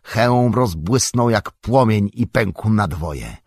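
A man reading an epic fantasy audiobook with dramatic, measured storytelling. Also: lowish voice, expressive, a little mellow, no echo. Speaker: audiobook narrator. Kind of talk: scripted narration.

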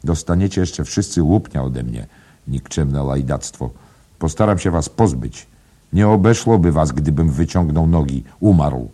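Guy putting on a bitter sarcastic dad, super low gravelly voice, husky. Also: normal speed, warm tone, exaggerated voice. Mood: angry. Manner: scolding, sardonic. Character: gruff aging Irish father, bitter and mocking.

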